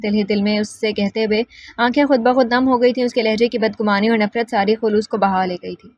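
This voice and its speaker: A woman narrating a novel as an audiobook reader, in a steady, even way. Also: fairly high pitch, slight background noise.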